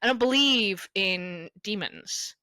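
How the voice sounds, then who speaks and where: A young woman co-hosting a podcast, telling stories with a bright voice and a pitch that swings up and down a lot. She swears casually as she chats. The recording is dry and close. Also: animated, slow, dry recording. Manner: chatty storyteller, swears freely. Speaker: podcast co-host. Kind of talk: casual chat.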